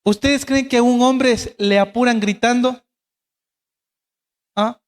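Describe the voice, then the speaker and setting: A man's voice: very high-pitched, steady tone, slow, big-room sound. A man preaching a sermon as pastor, asking his congregation rhetorical questions. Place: church.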